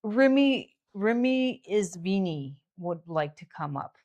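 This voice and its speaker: A woman's voice: medium pitch, lively intonation, slow, a little mellow, highs cut off. A woman hosting a live Q&A stream, chatting casually and giving health advice to callers.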